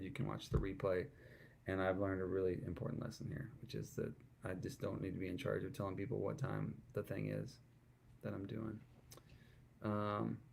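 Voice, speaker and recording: A man's voice: fairly low pitch, vocal fry. A middle-aged man hosting his own music livestream, chatting between songs in a rambling, self-deprecating way and reading out viewer comments. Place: at home, alone with a guitar.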